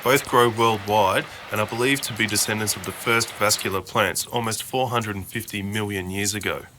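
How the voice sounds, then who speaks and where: A man reading a measured, scripted nature documentary voice-over. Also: on the low side, steady tone, background noise. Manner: measured, informative delivery. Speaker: documentary narrator.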